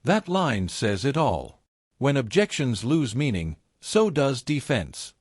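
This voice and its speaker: A man's voice: mid-range voice, sing-song, slow, dry recording, clean studio sound. A man narrating scripted commentary on a court clip in an emphatic, explanatory way.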